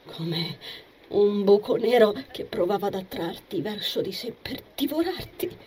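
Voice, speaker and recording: A rattled young man mutters to himself, as a woman reads his lines. The voice stays low and unsettled, with no real performance beyond the reader's own tone. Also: lively intonation, measured pace, darkish tone, a little hiss or hum, lightly acted. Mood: shaken. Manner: talking to himself. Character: young man, shaken and uneasy.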